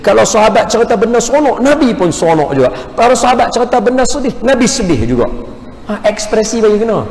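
A man with a northern Malaysian accent giving a lively, humorous lecture in a large mosque hall, acting out little dialogues as he teaches. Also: very high-pitched, fast. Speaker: religious lecturer. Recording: echoey hall with faint background hum.

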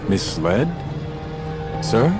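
An actor playing a dutiful army captain in a video game, polite to superiors and wry. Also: male voice, fairly low pitch, big pitch swings, drawn-out words, loud music behind the voice, heavily acted. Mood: wry, questioning. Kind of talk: animated video game acting.

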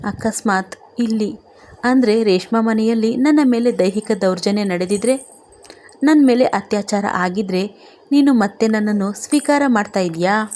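A wounded, soft-spoken young wife who pleads in plaintive questions, as a woman storyteller voices her. Her tone is mellow and warm, told like a storybook scene. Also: mid-range voice, moderate pace, lightly acted. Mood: pleading.

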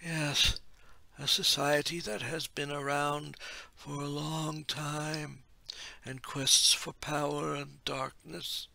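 A man voicing an ethereal, wise male oracle who speaks slowly and solemnly in a storybook reading. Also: a little high, little pitch movement, vocal fry, no echo, pitched above the performer's own voice, full character voice. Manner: slow, hushed and measured.

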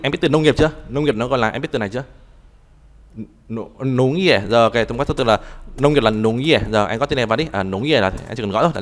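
A man teaching a live online language class, talking haltingly and repeating words as he types and explains. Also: on the low side. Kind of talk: live online tutoring session.

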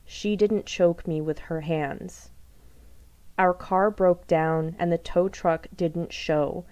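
A woman reads her own poem in a slightly low voice, taking her time over every line. Her delivery is measured and deliberate, and she lets repeated phrases build. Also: steady tone, darkish tone. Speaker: poet. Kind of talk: poetry reading.

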